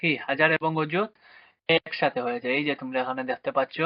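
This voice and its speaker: A man's voice: medium pitch, steady tone, fast, dry recording. A man teaching a maths lesson to children at a board, asking questions and answering them himself. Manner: asks questions and answers them himself, with frequent check-ins. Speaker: math teacher. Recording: dry, dull lo-fi sound.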